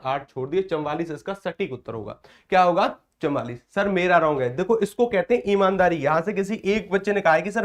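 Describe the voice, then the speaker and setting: A man with a fairly high voice teaches an online exam-prep class. He works by call and response, putting each question to the class, repeating it, then giving the answer. Between questions he reads out viewer comments and praises them.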